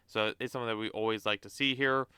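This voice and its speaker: Speaking fast in a lowish, fairly even voice, this crypto channel host sounds pushed, bright, clear and resonant despite a cold-stuffed nose. He's a young man giving a casual screen-share tour of a website, rambling with frequent fillers and restarts. The sound is clean studio audio without any room noise.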